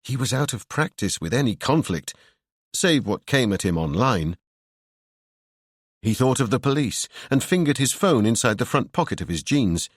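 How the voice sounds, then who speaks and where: A man narrating a horror audiobook in a measured, brooding storytelling manner. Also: mid-range voice, very animated, no echo, studio quality.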